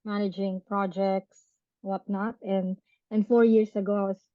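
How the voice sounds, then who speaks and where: A chatty, animated woman, a podcast guest who laughs often and adds tag questions. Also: mid-range voice, unhurried, dry recording, highs cut off. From Philippines. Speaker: podcast guest, business owner. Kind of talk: casual interview chat.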